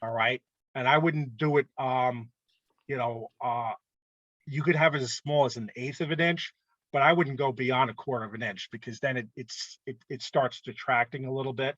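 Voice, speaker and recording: A man presenting rules to an art club in a casual instructional talk, often pausing to ask "okay?". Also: medium pitch, fairly even intonation, a bit bright, dry recording, highs cut off. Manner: conversational, frequent "okay?" check-ins.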